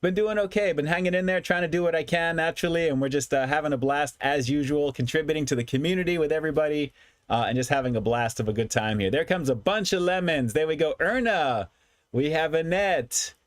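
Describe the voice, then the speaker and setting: A man's voice: fairly high pitch, brisk, dry recording, clean studio sound. A man hosting a food review livestream, chatting casually with viewers and often repeating his phrases for emphasis. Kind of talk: casual livestream chat, reading and answering comments.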